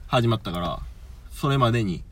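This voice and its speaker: A man's voice: animated, moderate pace, a bit bright. A man with a Kansai accent co-hosting a radio show, bantering casually, laughing and teasing. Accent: Kansai Japanese. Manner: laughing, teasing, drops to low mutters.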